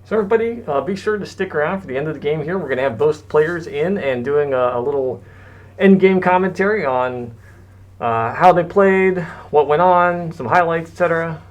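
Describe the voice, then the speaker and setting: A man's voice: a little high, expressive, brisk. A man doing casual live tabletop game commentary, his voice muffled by a face mask. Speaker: match commentator.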